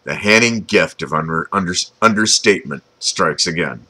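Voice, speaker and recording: A man's voice: deep voice, animated, moderate pace, bright, forceful tone, husky, low-quality recording. A man reading his own story aloud, chatty and informal, breaking off for asides and jokes to the listener. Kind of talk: storytelling narration.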